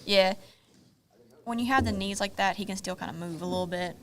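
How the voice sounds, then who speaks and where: A woman with a Southern American accent giving live play-by-play commentary on jiu-jitsu matches, quick to call what the fighters will do next. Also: mid-range voice. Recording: live event with crowd behind.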